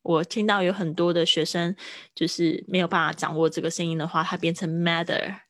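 A woman from Taiwan, teaching English pronunciation in a livestream lesson and repeating phrases slowly. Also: fairly low pitch, fairly even intonation, dry recording, clean studio sound.

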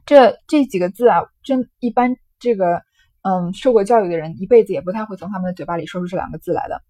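A woman giving an unhurried lecture on classical fiction, with many fillers. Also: mid-range voice, dark tone, dry recording. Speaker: literature lecturer.

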